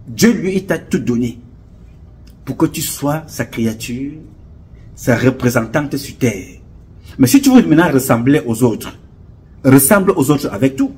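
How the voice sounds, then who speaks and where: A man's voice: mid-range voice, a little mellow, slightly rough. A man with a Cameroonian French accent giving an impassioned, preachy monologue, rambling and repeating himself. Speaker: online commentator. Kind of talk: casual monologue commentary.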